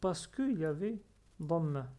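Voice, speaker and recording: This teacher's medium-pitched, sing-song voice carries a recorded reading lesson where every word is pronounced slowly and distinctly two times. Quiet, patient explanations follow, dotted with small self-corrections.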